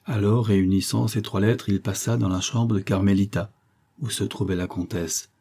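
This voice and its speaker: A man reading a classic novel aloud as an audiobook narrator, in a measured, literary way. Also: fairly low pitch, fairly even intonation, mellow, breathy edge.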